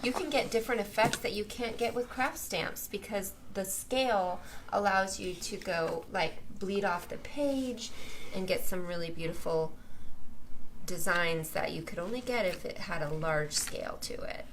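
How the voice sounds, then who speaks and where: Woman co-host chiming in w tips, mid pitch, noisy in the background. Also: moderate pace. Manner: chatty, adds tips and affirmations. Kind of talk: live tutorial chat.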